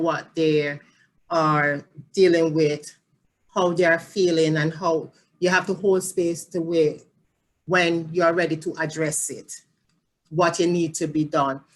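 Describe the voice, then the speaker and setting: Jamaican lady, really low voice, earnest, kinda halting, keeps rephrasing as she answers. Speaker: family support specialist. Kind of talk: interview answers.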